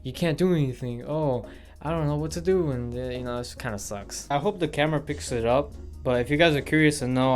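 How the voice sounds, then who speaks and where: Rambling young man vlogging. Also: medium pitch. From Milwaukee, Wisconsin, USA. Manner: rambling, filler-heavy, self-correcting. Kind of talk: casual facts-about-me vlog. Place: indoor room with studio lights. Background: faint background guitar music.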